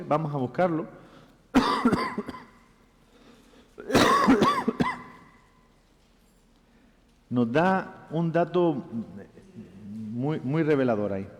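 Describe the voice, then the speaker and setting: A man's voice: a little high, long reverb tail. A man preaching a sermon, emphatic, repeating key phrases and checking in with rhetorical questions. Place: church sanctuary.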